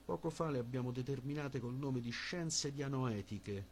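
A man reading the lines of Socrates, an older male philosopher who questions patiently, in a measured and deliberate way. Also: medium pitch, a little hiss or hum, lightly acted. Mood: reasoning.

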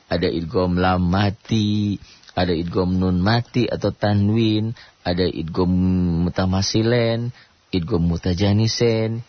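A man teaching Quran recitation on a radio programme, talking unhurriedly and breaking into slow chanted verses. He asks himself questions and answers them in a casual, colloquial way. The broadcast sound is dull and dry, with no room echo. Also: low-pitched. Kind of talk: radio tajwid lesson. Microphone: studio radio mic.

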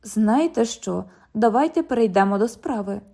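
A woman's voice: on the high side, animated, moderate pace, vocal fry, dark tone. A woman reading an audiobook, voicing a formal, patient young male police officer.

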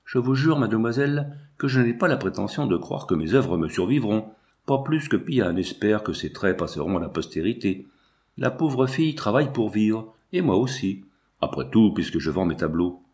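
A man reading the part of an earnest, proud young painter in a storybook, sincere and measured. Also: on the low side, big pitch swings, a little mellow. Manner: earnest, then cold and stiff.

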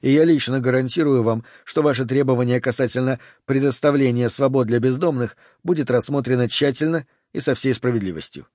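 A man reading an audiobook voices a calm, courteous and commanding male FBI agent who speaks in a measured way. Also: medium pitch, no echo, studio quality, close to an everyday voice.

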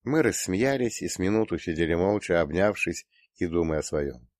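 A man reading a first-person audiobook with wry, gently ironic narration. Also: deep voice, expressive, normal speed, no echo, studio quality.

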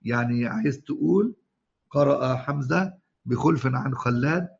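A man with an Egyptian accent teaching a religious lesson on Quran recitation. He explains slowly, repeats and stretches out the quoted words, and keeps checking that his listeners follow. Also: medium pitch, vocal fry, a little hiss or hum. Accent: Egyptian Arabic. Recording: dull lo-fi recording.

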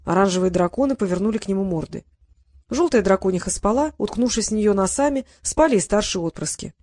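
A woman's voice: mid-range voice, animated, quick pace, warm tone, dry recording. Woman reading an audiobook, dry sound. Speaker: audiobook reader. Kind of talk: audiobook narration.

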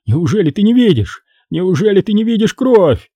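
A frantic crewman shrieks and pleads in a high, swooping voice, as a male audiobook reader puts him on. The tone is dark and husky, and the recording is dry and close. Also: sing-song, normal speed, no echo, heavily acted. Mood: hysterical. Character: panicked hysterical male submarine crewman.

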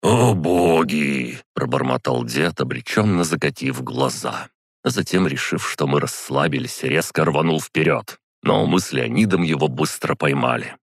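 A man narrating a first-person fantasy audiobook in an even, deadpan way, in a dry close recording. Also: a bass voice, normal speed, creaky, breathy edge, dry recording. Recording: dry close studio sound.

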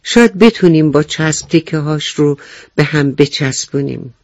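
A man's voice: fairly high pitch, expressive, no echo, lo-fi sound. A man voicing an eager, honest young boy mouse in a children's story. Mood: earnest.

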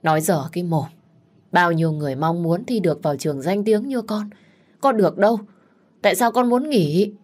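A woman's voice: low-pitched, unhurried, a little mellow, slightly rough. A woman voicing a tired, grieving older mother who speaks firmly to her daughters. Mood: scolding. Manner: tired, firm, motherly scolding. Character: weary grieving widowed village mother.

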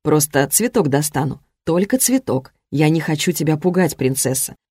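A woman voicing a calm, teasing young male mage in a soft, unhurried, lower voice. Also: slightly rough, dry recording, studio quality.

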